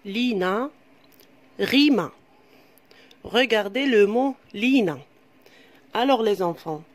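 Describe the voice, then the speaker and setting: A woman with a mid-range, slightly mellow voice teaches a reading lesson to young children as their primary school teacher. Her Algerian French accent comes through while she proceeds slowly and patiently, repeating and asking the pupils questions.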